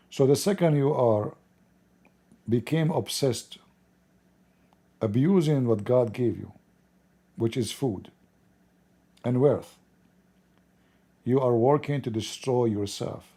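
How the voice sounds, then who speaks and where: A man with an Arabic accent, a native Arabic speaker, giving blunt, informal political commentary in halting, repetitive non-native English. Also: mid-range voice, lively intonation, warm tone. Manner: blunt, opinionated.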